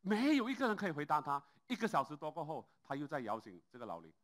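A male pastor preaching a sermon with plenty of filler sounds and sudden rising exclamations. His voice is bright and forceful and sits a little high for a man. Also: huge pitch swings, quick pace.

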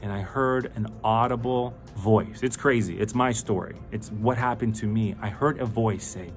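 A middle-aged man giving a fervent, emphatic personal testimony that turns into pleading exhortation. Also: mid-range voice. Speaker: speaker giving a faith testimony.

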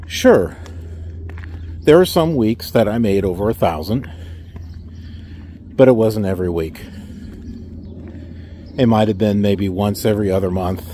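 A middle-aged man speaks slowly in a somewhat low voice, talking to a phone held at arm's length in an outdoor lot. He asks wry rhetorical questions and mocks the replies he got, in a casual vlog manner. Faint outdoor noise sits behind him. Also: mellow. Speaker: truck driver vlogger. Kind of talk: casual talk to camera.

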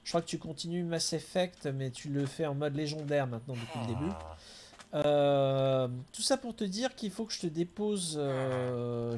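A man's voice: on the high side, darkish tone, slight background noise. A man streaming a game, chatting casually and answering his viewers by name.

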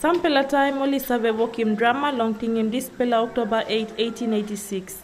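A woman's voice: fairly high pitch, steady tone, a little fast. A woman reading scripted documentary narration. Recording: clear background noise with insects.

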